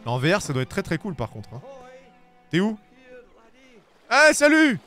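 A man streaming a video game, chatting casually with viewers and swearing, with bursts of shouting at the animals in the game. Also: on the high side, big pitch swings, a little fast, faint music behind. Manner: talks to his chat viewers. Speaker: streamer playing a climbing game. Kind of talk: casual gameplay commentary.

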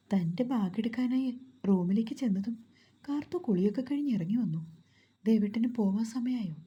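A woman narrating a romantic family story in a soft, intimate reading voice. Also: medium pitch, husky, highs cut off.

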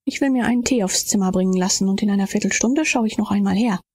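A woman reading an audiobook, voicing a curt, impatient young man who talks in a brisk, clipped way. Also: medium pitch, darkish tone, dry recording, lightly acted.

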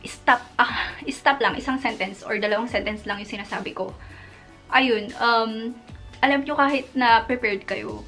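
Speaking in a mid-range, fairly bright voice, a young woman from the Philippines tells a personal story with a Filipino accent. She's a beauty vlogger, casual and animated, and leans on lots of fillers.

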